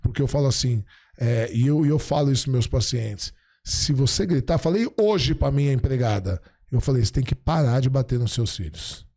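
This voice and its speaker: A middle-aged man, a podcast guest, chatting casually and telling stories, acting out the dialogue he quotes in an animated way. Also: mid-range voice, brisk. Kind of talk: casual storytelling chat.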